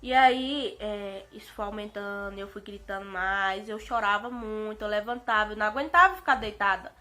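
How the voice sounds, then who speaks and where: A woman's voice: mid-range voice, normal speed. A young Brazilian woman with a Brazilian Portuguese accent, telling a personal story in a chatty vlog and often addressing her viewers. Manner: chatty, keeps saying "gente" to viewers; animated retelling with emotional outbursts. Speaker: vlogger.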